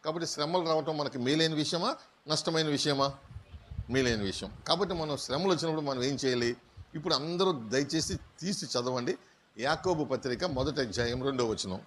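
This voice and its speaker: A man's voice: fairly high pitch, a little hiss or hum. A pastor from Andhra Pradesh preaching a sermon to a congregation, asking questions and acting out the people he quotes, with English words mixed into his talk. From Andhra Pradesh, India. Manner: asks the congregation questions and acts out quoted speakers.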